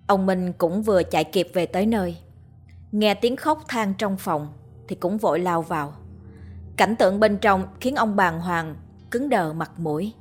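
A woman storyteller reading a ghost story in a steady, measured way. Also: medium pitch, soft background music. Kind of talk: scripted narration of a ghost story.

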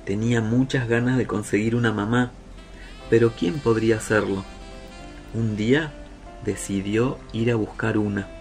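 A man with an Argentine accent reading a children's story aloud, slow and expressive. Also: fairly low pitch, soft background music. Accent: Argentine Spanish.

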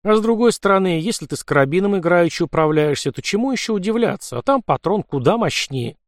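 A man's voice: high-pitched, lively intonation, fast, no room sound, studio quality, pitched above the performer's own voice. A man reading the part of a wry, friendly male security officer in an audiobook.

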